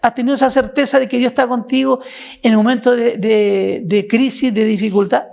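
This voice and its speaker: A church group leader speaks straight to the people watching, urging them on and pressing them with questions. Her voice is fairly high and carries a gravelly edge. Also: fairly even intonation, a little fast, a little mellow. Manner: exhorting, asks pointed questions. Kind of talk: preaching to an online audience.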